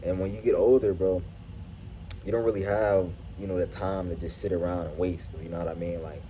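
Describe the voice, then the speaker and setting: Low, mellow man talking through a face mask. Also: flat delivery, fairly quick, slight background noise. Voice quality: slightly muffled, speaking through a face mask. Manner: earnest, slangy, profane street talk, addressing viewers as bro and dog. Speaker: YouTube vlogger. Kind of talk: casual motivational monologue to camera. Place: at his workplace.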